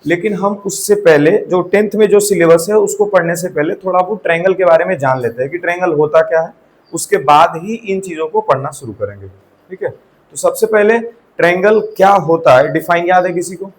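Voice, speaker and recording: A man teaches a maths lesson in a classroom, often quizzing students and checking they're following with repeated "theek hai." His voice sits high and he speaks fairly quickly. The recording is low quality.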